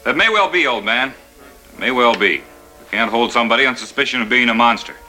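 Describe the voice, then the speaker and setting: A man's voice: medium pitch, animated, quick pace, bright, forceful tone, soft background music, poor audio. A man playing a composed, knowing character in a vintage television thriller. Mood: dry, knowing.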